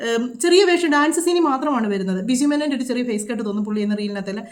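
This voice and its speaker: Brief: woman vlogger, scolding reaction commentary, rapid-fire, pitched a bit high. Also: expressive. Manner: scolding, indignant, rapid rhetorical questions.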